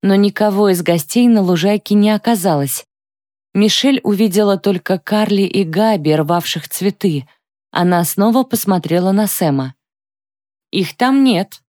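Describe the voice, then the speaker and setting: A woman narrating an audiobook with a calm, even reading close to the microphone. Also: mid-range voice, normal speed, no echo. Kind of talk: scripted narration.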